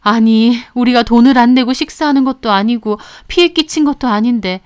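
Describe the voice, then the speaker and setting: A woman's voice: on the high side, brisk, darkish tone, clean tone, dry recording, clean studio sound, lightly acted. A woman voicing a hurt, indignant mother who firmly demands an apology. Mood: upset. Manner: firm, pleading.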